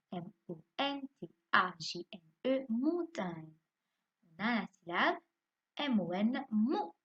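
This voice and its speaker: In a muffled recording, a woman with a medium-pitched, slightly rough voice teaches young pupils from home as a primary school teacher. She spells words out letter by letter, quizzes the children, and answers her own questions.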